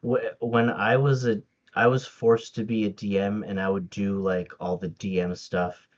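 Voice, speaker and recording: This native Tagalog speaker chats casually as a podcast guest, hesitant and laughing often, with lots of fillers and restarts. His lowish voice shows little pitch movement and an unhurried pace. The audio sounds dull.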